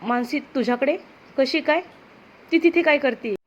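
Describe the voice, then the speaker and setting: A woman's voice: sits high, steady tone, moderate pace, a little mellow, lo-fi sound. A woman with a Marathi accent voicing a young man who is panicked and demanding. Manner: urgent, demanding.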